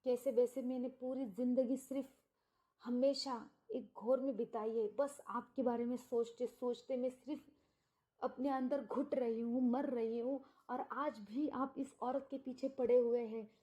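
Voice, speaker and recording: A woman's voice: fairly high pitch, steady tone, a little slow, mellow, lightly acted. A woman voicing a desperate, tearful neglected wife. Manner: pleading, tearful complaint. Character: neglected middle-aged wife, bitter and desperate.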